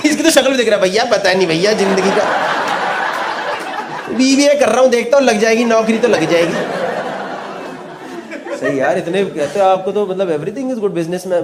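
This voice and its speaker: A male stand-up comedian, doing quick, teasing crowd work that mixes Hindi and English. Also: high-pitched. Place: live comedy venue with laughing audience. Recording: loud crowd laughter and noise.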